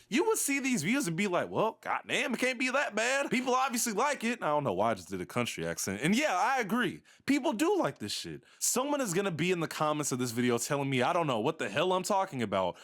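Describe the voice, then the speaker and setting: A man's voice: on the high side, quick pace, few pauses. A young man delivering a sarcastic, slang-heavy rant about music in a commentary video. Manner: animated, sarcastic ranting with blunt slang.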